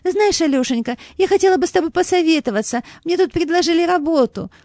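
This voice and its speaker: A woman's voice: very high voice, animated, a little mellow, no echo, studio quality, voice pushed up. A woman voicing an anxious, hopeful elderly widow who talks tenderly and in a hurry, in a read-aloud story. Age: older. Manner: fussy, tender, hurried.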